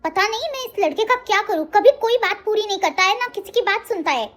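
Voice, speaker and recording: A woman's voice: very high-pitched, expressive, fast talker, a bit bright. A woman voicing a stern, sarcastic older father who scolds his son in a story reading. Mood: exasperated.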